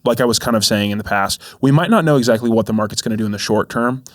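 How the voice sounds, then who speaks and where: A man co-hosting a finance podcast, explaining things in an agreeable, steady way. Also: fairly low pitch, very fast, no room sound, studio quality. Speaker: podcast co-host, financial advisor. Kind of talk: casual podcast chat.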